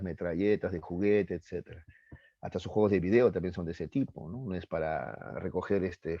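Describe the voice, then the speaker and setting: A middle-aged man giving a psychology lecture to teenagers, acting out little voices and throwing in questions. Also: dry recording. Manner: animated, acts out voices and questions with rising pitch. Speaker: psychology teacher. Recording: dull, dry lo-fi recording.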